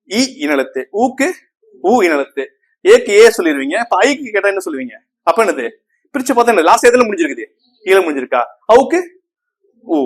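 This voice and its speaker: A man teaching a Tamil grammar class, repeating key terms and often asking the students if they follow. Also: on the high side. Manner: asks the class frequent checking questions; repeats terms and counts on fingers.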